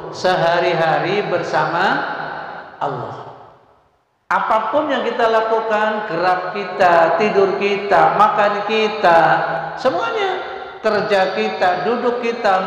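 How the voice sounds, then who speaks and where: A man preaching a sermon in a lively way, acting out everyday complaints as short quoted asides. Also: high voice. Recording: very echoey hall.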